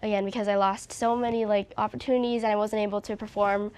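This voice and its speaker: In a relaxed interview, a young Hawaiian singer talks openly and sincerely, dropping "like" frequently. She speaks quickly in a level, mid-range voice that is a little mellow, clear and resonant, with a slight congestion.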